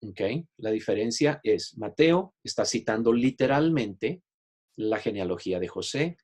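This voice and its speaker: A man's voice: on the low side, expressive, unhurried, darkish tone. A man giving a Bible study lesson, explaining patiently and often checking in with his listeners. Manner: explanatory, repeats "¿ok?" to check understanding; shares screen while teaching, online class. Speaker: Bible teacher.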